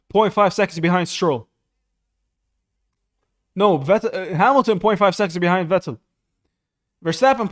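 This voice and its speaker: Excitable young man calling a live race. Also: high-pitched. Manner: casual, excitable, says bro a lot. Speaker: streamer.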